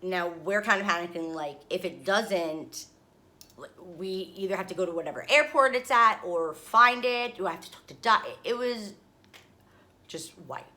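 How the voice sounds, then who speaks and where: A tired young woman vlogging, casually telling a dramatic travel story with laughs and swings in pitch. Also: moderate pace, bright, forceful tone. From New York area. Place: hotel room.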